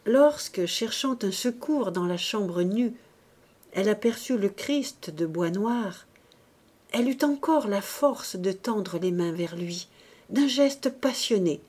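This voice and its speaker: A woman reading a classic novel aloud as an audiobook narrator, measured and expressive. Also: medium pitch, slightly rough. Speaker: audiobook reader.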